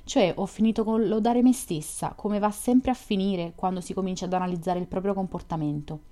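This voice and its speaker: A woman reading an audiobook, voicing a lively, curious young woman who chats and teases with questions. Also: medium pitch, fairly quick, natural voice. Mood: chatty, teasing. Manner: chatty, teasing, questioning.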